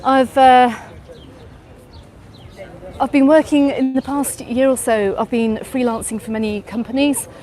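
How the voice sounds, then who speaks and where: High-pitched and mellow, her voice has fairly even intonation and a slightly slow pace with frequent pauses. A middle-aged Englishwoman with an English accent, she's a travel vlogger live-streaming a walking tour on a busy beach promenade at dusk, answering viewers amid crowd chatter and traffic.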